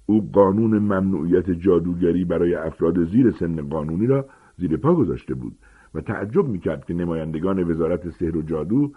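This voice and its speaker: A man narrating a storybook in a dramatic, expressive reading. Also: sits low, breathy edge. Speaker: audiobook narrator. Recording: tinny phone-like sound.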